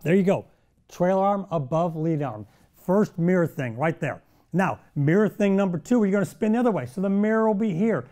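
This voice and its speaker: A man's voice: a little high, darkish tone. A middle-aged man hosting a golf instruction show, talking to the camera in a punchy, demonstrative way with sound-effect words. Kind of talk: energetic golf lesson to camera.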